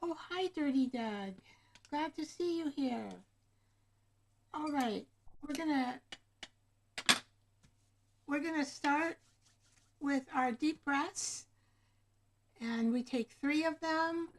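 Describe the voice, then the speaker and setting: Hosting a casual craft stream, a woman speaks slowly in a high voice, leaving long pauses. She rambles in a chatty way and often addresses her viewers by name. A camera microphone captures her.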